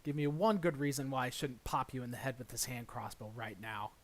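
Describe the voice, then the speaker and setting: A man voicing a menacing, raspy, aggrieved criminal in a tabletop game. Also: medium pitch, a little fast, close to an everyday voice. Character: threatening raspy man with hand crossbow, aggrieved about money.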